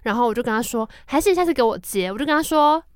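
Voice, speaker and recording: A woman's voice: a little high, expressive, racing, clear, resonant tone, no room sound, clean studio sound. A woman, co-hosting a casual chat and acting out quoted voices as she tells stories, laughing often. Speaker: co-host.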